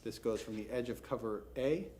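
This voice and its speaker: A man giving a brisk, businesslike, formal case presentation at a public hearing, as a staff member. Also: medium pitch, mellow. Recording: faint noise, public hearing room.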